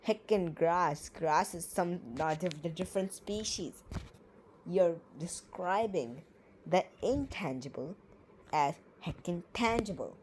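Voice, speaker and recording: A woman's voice: fairly low pitch, animated, takes it slowly, darkish tone, slight background noise, rough recording. A woman reading poems aloud and reviewing them in casual commentary, with sarcastic, playful, ranting asides. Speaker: poetry reviewer.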